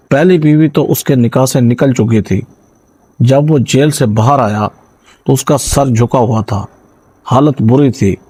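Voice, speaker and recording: A man narrating a first-person story in a steady, dramatic, scripted reading voice into a close mic. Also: mid-range voice, no room sound, poor audio.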